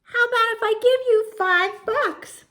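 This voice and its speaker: A woman voicing a pleading, sulky pigeon from a picture book, whiny and wheedling with drawn-out words. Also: very high voice, bright, forceful tone, pitched above the performer's own voice, heavily acted. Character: pleading, sulky, tantrum-throwing pigeon begging to drive. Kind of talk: storybook character voice in a read-aloud.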